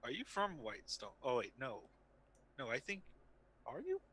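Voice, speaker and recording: Brief: friendly man, bright tense tone, lively in-character chat. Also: mid-range voice, normal speed, a little hiss or hum. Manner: friendly, easygoing. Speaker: tabletop game player.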